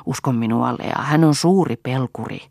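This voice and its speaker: A woman's voice: a bass voice, vocal fry, a little mellow, no echo, clean studio sound, heavily acted. A woman voicing Hanna, a weary, firm mother. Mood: insistent.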